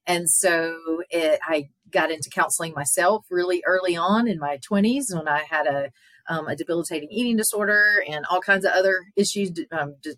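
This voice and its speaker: A woman speaking as a therapist guest, earnest and halting with many filler pauses. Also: on the low side, a bit bright, no room sound. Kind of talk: casual interview talk.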